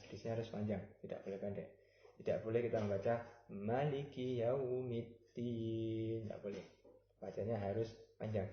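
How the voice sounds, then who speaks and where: A man teaching Quran recitation, explaining patiently and chanting example verses slowly. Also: fairly low pitch, gravelly. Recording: roomy, slightly dull recording.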